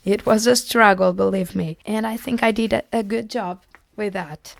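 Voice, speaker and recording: A sick woman vlogs in a scratchy, breathy half-whisper, her lost voice full of gravelly fry. She chats on in an apologetic, halting way. The close mic sounds dry, with no room around her. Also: mid-range voice, fairly even intonation, no room sound. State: sick, voice mostly gone, whispering. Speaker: artist and illustrator vlogger. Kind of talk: casual vlog talk. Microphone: close mic, new to her.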